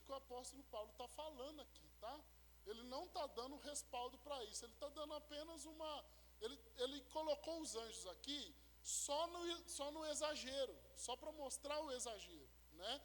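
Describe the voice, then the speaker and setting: Pastor de em salão com eco. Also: male voice, very high voice, bright, forceful tone. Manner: explanatory, checks in with listeners often. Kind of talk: teaching sermon. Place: church hall. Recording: echoey church hall.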